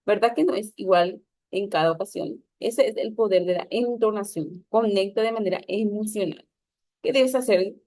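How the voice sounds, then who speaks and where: A woman's voice: medium pitch, moderate pace, mellow, dry recording. A woman teacher reading aloud a lesson on public speaking, instructive, with small slips and restarts.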